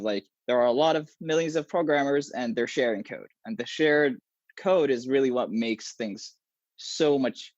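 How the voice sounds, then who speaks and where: A young software engineer whose first language is Arabic chats as a guest on a casual video-call interview, animated and gesturing a lot while restarting phrases as he thinks aloud. His ordinary-pitched voice comes through earbuds, dry and a bit dull, from a small room with no room sound.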